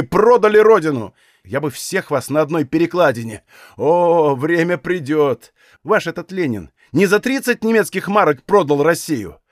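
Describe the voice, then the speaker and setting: Man reading as a raging officer in an audiobook, high shouted voice, fury and contempt, dry close sound. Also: no room sound, exaggerated voice. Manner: shouting furiously. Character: enraged male officer, cursing and defiant.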